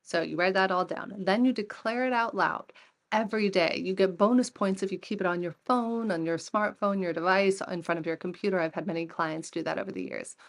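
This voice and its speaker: Lively woman in her forties telling stories. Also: mid-range voice, fairly quick. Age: 40s. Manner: lively storyteller who acts out quoted dialogue. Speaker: podcast guest, entrepreneur and coach. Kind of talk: conversational interview storytelling.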